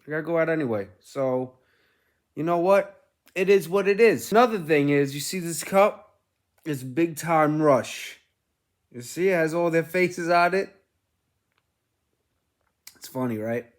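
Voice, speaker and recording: A middle-aged man, rambling casually as a vlog host, telling things in an animated way with casual swearing. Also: on the high side, a little slow, long pauses. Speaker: gaming streamer and host.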